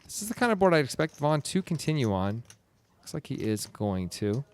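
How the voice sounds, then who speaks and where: A man's voice: medium pitch, a little fast, a little hiss or hum. A man commentating a poker game in a casual, playful way, calling hands and teasing his co-host. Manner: playful, teasing, bursts of excitement.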